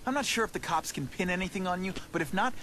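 A man's voice: high-pitched, quick pace, lightly acted. An actor playing a cocky young male superhero in a video game, tossing off sarcastic quips. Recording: game audio with crowd noise.

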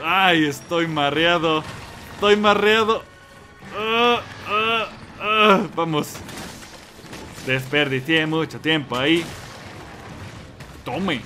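Young mexican man, mexican spanish accent, gaming commentary, high voice, slight hiss behind. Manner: excitable, yelps and curses at the game. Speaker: gamer. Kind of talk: let's play commentary.

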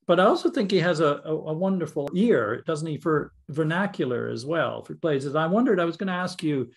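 A man's voice: on the high side, lively intonation, a little fast. Curious male podcast host. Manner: curious, eagerly framing questions. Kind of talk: interview questions.

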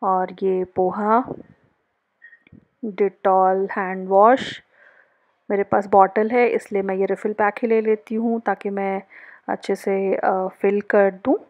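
At home indoors, a vlogger in her thirties casually narrates her monthly grocery haul. Her mid-range voice is relaxed, with many pauses and fillers and occasional English phrases mixed in. The audio sounds narrow and tinny.

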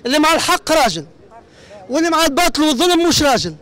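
A man's voice: very high voice, sing-song, racing, a bit bright. A man with a Tunisian accent arguing politics in a heated street debate, repeating himself and cutting the others off. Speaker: interviewee. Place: outdoors in a city street.

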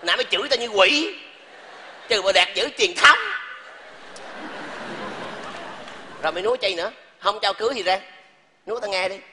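A man's voice: sits high, fast talker, pushed and bright. An actor playing a stern, hot-tempered old village father, barking orders in a live stage comedy sketch. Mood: scolding. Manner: bossy, barking orders, mocking. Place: large theater stage. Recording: live stage, long hall reverb, faint noise.

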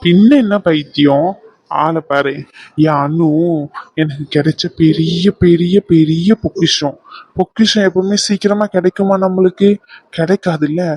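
A woman's voice: on the low side, measured pace, a little mellow, slightly rough, dry recording, rough recording. A woman voicing a young man, an anxious but tender fiancé who soothes and teases his bride-to-be in a dubbed scene. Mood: tender, teasing. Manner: soothing, teasing, pleading. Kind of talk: fan dub of a serial scene.

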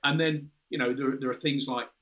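A former fighter pilot, British and in his fifties, talks a little fast as an interview guest on a video call, speaking in a mid-range, fairly bright voice with fairly even intonation. He explains at length, frequently restarting and saying "you know," from an indoor room featuring a window and red curtains.

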